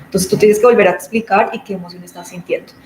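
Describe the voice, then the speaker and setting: A woman lectures informally, explaining patiently and acting out little everyday scenes. Her voice sits at an ordinary middle pitch. The room gives it a noticeable echo, with a faint hum of ambience behind her. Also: steady tone, quick pace, a little mellow. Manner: explanatory, acts out everyday examples. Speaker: speaker on patient communication.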